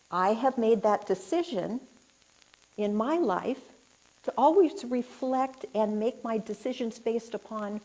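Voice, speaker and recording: A woman's voice: on the high side, darkish tone, rough recording. A woman speaker and life coach telling a personal story in a reflective talk, earnest and questioning the audience. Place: spiritual center hall, indoors.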